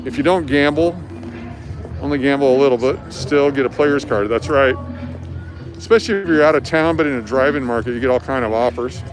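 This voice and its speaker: Music plays in the background as a man with a medium-pitched voice leads a live walking tour at a fairly quick clip. A livestream host and street guide, he explains things casually outdoors on city streets at night, over the noise of traffic.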